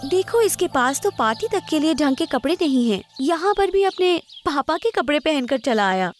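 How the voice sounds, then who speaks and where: Woman playing snide partygoer, sneering, high voice, music behind. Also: sing-song, normal speed. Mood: mocking. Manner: sneering, scornful. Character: mocking partygoer, snide young person.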